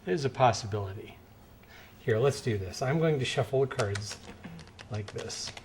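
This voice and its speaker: A man's voice: medium pitch, lively intonation, normal speed, slight background noise. A middle-aged man delivering conversational card magician patter with a playful showman's touch, demonstrating to spectators. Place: indoor studio set at a card table.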